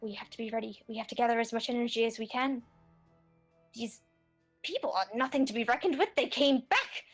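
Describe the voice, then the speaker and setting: A woman's voice: fairly high pitch, soft background music, close to an everyday voice. Woman as a frantic, bossy old witch. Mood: urgent. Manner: urgent, rapid, commanding. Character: bossy elderly witch, anxious leader of three.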